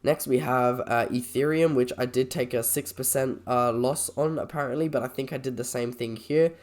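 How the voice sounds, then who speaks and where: A man with a croaky, slightly sick voice, talking informally and a little hesitantly as he reviews trades on a screen recording. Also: mid-range voice, steady tone, normal speed, darkish tone. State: sick with a cold or cough. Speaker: trader presenting a video.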